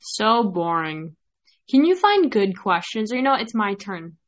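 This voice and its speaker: A woman's voice: mid-range voice, very animated, measured pace, a little hiss or hum. A young woman hosting a casual podcast, dry and mock-serious, brushing off questions. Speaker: podcast host. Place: remote call.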